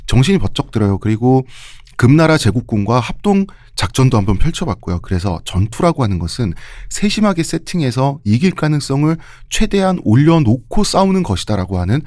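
Guy podcaster explaining history, lively up-and-down voice, slushy lispy s, dry close sound. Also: medium pitch, fairly quick, no room sound. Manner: explanatory, with everyday examples. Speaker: podcast host, history writer. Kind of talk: conversational history storytelling.

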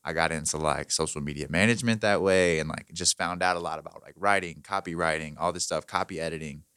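A man's voice: deep voice, quick pace, sharp tone, smooth, dry recording, studio quality. A man of twenty-eight in casual chat, laid-back and slangy, full of "like" and "bro".

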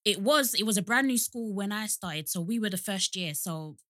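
A woman's voice: mid-range voice, lively intonation, moderate pace, sharp tone, no room sound, clean studio sound. A young woman from Hackney with an East London accent, recounting things casually in a podcast chat. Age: young adult. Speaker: podcast participant.

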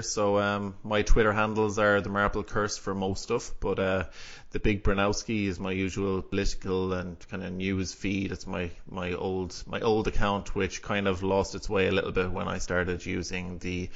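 A male podcast host with a west of Ireland accent talks casually. His voice sits at an ordinary pitch for a man. The audio is a little dull and lo-fi. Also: a bit bright. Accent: west of Ireland, Galway.

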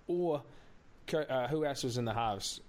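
A man's voice: medium pitch, a little slow, darkish tone. A man giving blunt, sweary opinions as a casual sports co-host. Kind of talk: casual rugby league commentary.

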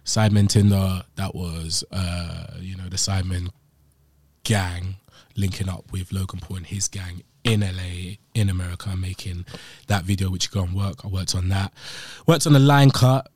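A man's voice: low voice, steady tone, moderate pace, a little mellow, no echo. A man in his late twenties with a London accent and roadman slang delivery, chatting casually as an interviewed video editor. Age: late 20s.

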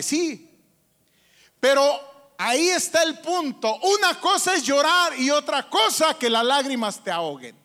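A man's voice: very high voice, sharp tone. A man preaching a sermon as pastor, asking the congregation questions with strong emphasis. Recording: long hall reverb.

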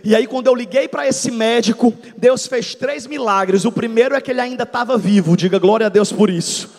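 A man in his thirties, a pastor, preaching a dramatic testimony sermon that swings from soft storytelling to shouts. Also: very high voice, a little fast, big-room sound. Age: 30s. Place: church hall.

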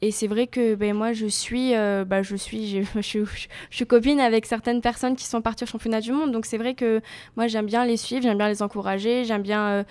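A woman's voice: fairly high pitch, steady tone, moderate pace, a little mellow, clean tone. A young woman, an athlete guest, answering interview questions casually and searching for her words. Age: young adult. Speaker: para-surfing champion guest.

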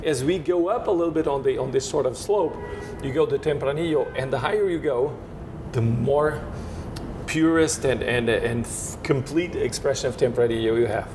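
Man, halting and descriptive. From Portugal. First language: Portuguese. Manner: searching for words with frequent restarts. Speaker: winemaker guest. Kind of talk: descriptive interview answers. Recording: steady noise and low rumble.

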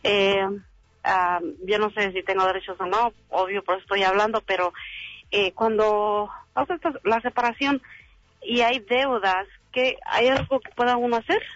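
A woman's voice: mid-range voice, steady tone, a bit bright. Hesitant woman caller over the phone. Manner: hesitant, halting with many fillers. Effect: heard over a phone line. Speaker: radio call-in caller. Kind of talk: asking a question on a live radio show. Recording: muffled dry phone line.

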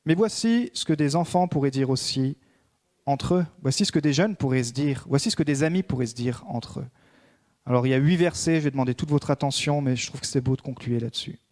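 A man preaching a sermon as a pastor, swinging between emphatic raised peaks and hushed prayerful passages. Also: medium pitch, fairly quick.

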